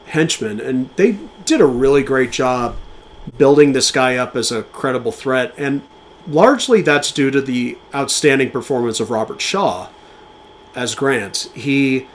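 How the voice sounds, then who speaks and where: A man's voice: mid-range voice, animated, slight background noise. Enthusiastic man talking movies on a podcast. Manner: enthusiastic, talks in quick bursts with fillers and restarts. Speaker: podcast co-host. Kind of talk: casual film commentary.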